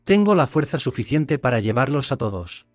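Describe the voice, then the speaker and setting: A man's voice: medium pitch, sing-song, normal speed, darkish tone, dry recording, close to an everyday voice. A man voicing a loyal young male protector who speaks politely and reassuringly. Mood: calm. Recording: dry close mic, faint music.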